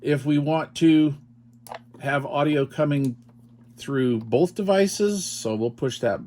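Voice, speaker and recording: A man with a fairly high, slow and somewhat mellow voice shows off a radio product, explaining it casually one step at a time. He keeps checking with the listener using "okay" and "all right."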